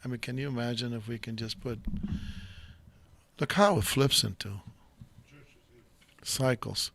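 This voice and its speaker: A man's voice: mid-range voice, unhurried, vocal fry, a bit bright. An older man hosting a live talk show, chatting in a rambling, enthusiastic and jokey way.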